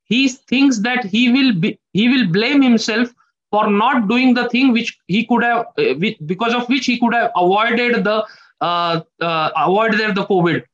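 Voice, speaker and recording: A man, a therapist presenting a case in a professional discussion, talking in a halting, questioning way. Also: sits high, fairly bright tone. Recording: dull lo-fi sound.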